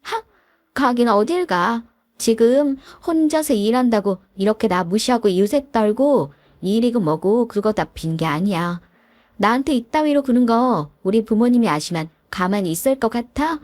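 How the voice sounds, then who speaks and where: A woman's voice: a little high, animated, normal speed, darkish tone, dry recording. A woman voicing a spiteful, arrogant young sister-in-law who sneers and talks down to others. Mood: sneering. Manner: sneering, condescending.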